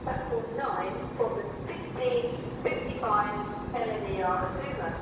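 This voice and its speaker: Woman on a station loudspeaker. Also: a little high. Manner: measured, even announcing. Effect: train station loudspeaker announcement. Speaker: station announcer. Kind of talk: recorded platform announcement. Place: large railway station. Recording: echoey station hall from far off. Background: station ambience and train noise.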